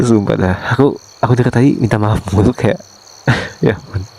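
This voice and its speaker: A man voicing a remorseful young husband softly pleading with his wife, in a whispered role-play that sprinkles in English phrases. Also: fairly low pitch, normal speed, gravelly, slight background noise, rough recording. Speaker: ASMR voice actor.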